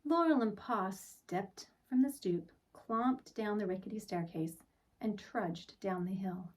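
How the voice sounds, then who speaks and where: Reading a picture book to children, a woman with a mid-range voice uses an expressive, deliberate storytelling manner, often letting phrases trail off softly. She is far from the microphone.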